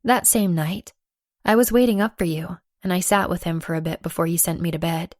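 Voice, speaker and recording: Brief: woman narrator, lowish voice, dry close studio sound, playful first-person romance read. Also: fairly even intonation, brisk, dry recording. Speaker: audiobook narrator.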